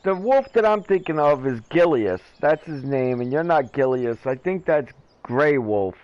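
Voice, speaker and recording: A man in his fifties chats loosely with his viewers as he plays, his voice sitting a little high for a man. He rambles from one thought to the next, cracking jokes and laughing at himself. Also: lively intonation, measured pace, darkish tone, muffled recording. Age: 50s. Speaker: gaming streamer. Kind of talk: casual chat with viewers while playing.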